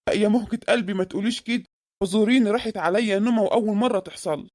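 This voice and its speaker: A woman's voice: medium pitch, very fast, darkish tone, no room sound, studio quality, natural voice. A woman voicing a scheming middle-aged married man in a comic cartoon, with an Egyptian accent and a sweet-talking, evasive manner. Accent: Egyptian Arabic.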